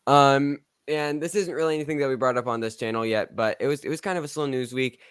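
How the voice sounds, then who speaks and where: A man's voice: mid-range voice, fast talker, a bit bright, clear, resonant tone, no echo, clean studio sound. A man co-hosting a casual film news podcast, rambling and sarcastic, often restarting his sentences. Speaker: podcast co-host.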